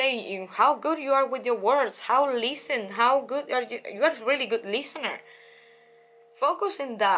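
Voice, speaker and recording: A woman giving a casual tarot reading to camera, chatty and excitable, speaking straight to the listener. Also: a little high. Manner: excitable, chatty, with frequent laughs and fillers; addresses the listener warmly and directly. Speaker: tarot reader.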